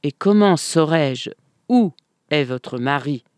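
A storyteller voicing a calm, stubborn village man who insists he is someone else, in a read-aloud folk tale. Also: medium pitch, slow, smooth, no room sound, clean studio sound.

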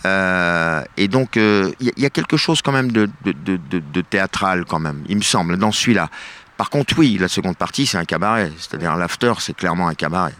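A middle-aged man with a low voice talks about his stage show in a radio interview. He stumbles, restarts and fills gaps with hesitation sounds while he searches for his words. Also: a little fast, fairly bright tone. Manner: hesitant, many fillers and restarts. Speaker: stage actor and bandleader, interview guest.

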